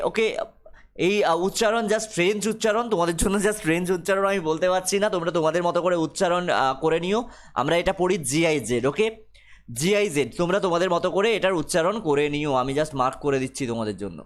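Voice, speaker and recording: Bengali-accented male tutor, high voice, slow careful reading then quick explanations with "okay?" checks. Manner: reads English text slowly, explains quickly, checks with "okay?". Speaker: exam coaching teacher. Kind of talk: explaining a newspaper to students.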